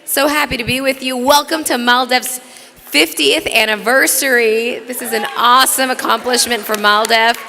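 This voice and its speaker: A woman's voice: fairly high pitch, fairly even intonation, normal speed, vocal fry, sharp tone. A woman who co-anchors TV news, emceeing a live gala in a large banquet hall in a chatty, bantering way that turns solemn.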